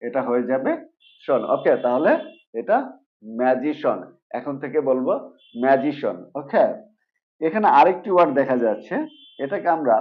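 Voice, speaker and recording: A man with a Bangladeshi Bengali accent talks through a pronunciation lesson. He asks a question, then answers it, and says each word slowly. His fairly high voice comes through a narrow, tinny, phone-like recording. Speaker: English pronunciation teacher. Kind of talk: video lesson explaining rules.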